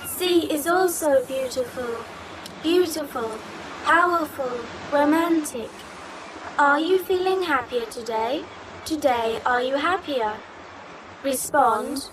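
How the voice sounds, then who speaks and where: Childlike girl in a film drama: high, slow, simple halting phrases, clear ambience behind. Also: noisy background. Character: childlike computer-made girl, eager and simple.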